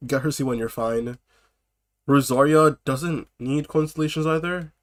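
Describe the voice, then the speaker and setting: In an unhurried, mid-range voice, a man who's sick with a cold hangs out with viewers on a live stream, saying hello and chatting loosely. Laughter and coughing break up his phrases.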